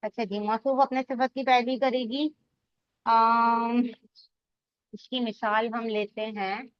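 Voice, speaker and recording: In an online Arabic grammar lesson, a high-voiced woman patiently explains each rule and asks her students questions along the way. She speaks slowly with a flat delivery, and the audio is dry, without room echo, and slightly muffled.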